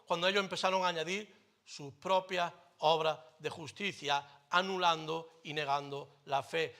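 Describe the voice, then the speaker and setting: Speaking into a microphone in a church, a pastor with a Spain Spanish accent delivers a sermon in a fairly high voice. He alternates between loud declarations and quiet, intimate asides, slipping in light jokes as he goes.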